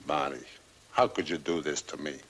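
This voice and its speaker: An actor playing a sly, wheedling racketeer in an old crime drama, with mock-hurt slangy talk. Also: male voice, a bass voice, fairly even intonation, normal speed, fairly bright tone, slight background noise.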